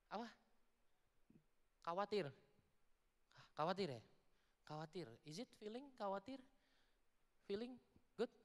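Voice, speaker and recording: A man preaches to a youth crowd in a casual, playful way, tossing questions at the listeners and slipping in English words. His voice sits a little high, and a long hall reverb trails after every phrase. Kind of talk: casual youth sermon with audience interaction. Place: large church hall before a youth audience.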